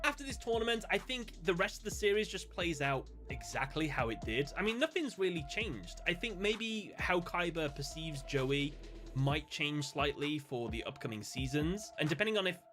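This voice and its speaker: A man speculating about a fan story in a playful, animated way, full of quick asides. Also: fairly high pitch, faint music behind. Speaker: video creator.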